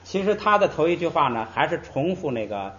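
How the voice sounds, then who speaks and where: A man's voice: on the high side, sing-song, a little fast. A male language teacher giving a patient lecture, stretching out example syllables and dropping in little interjections between points. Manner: explains patiently, drawing out example syllables and often saying "hey" between points. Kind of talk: classroom-style lecture. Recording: slightly muffled recording.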